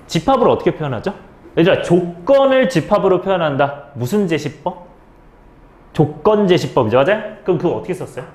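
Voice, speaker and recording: A man's voice: on the high side, roomy sound, a little hiss or hum. A male math teacher giving a step-by-step lecture, asking questions and answering them himself, often checking in with students. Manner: keeps checking in with students, "okay?".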